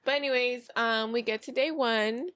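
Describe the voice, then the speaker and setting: A young woman co-hosting a podcast, telling stories in casual, animated, slangy talk with swearing. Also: on the high side, normal speed. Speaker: podcast co-host. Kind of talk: casual storytelling chat.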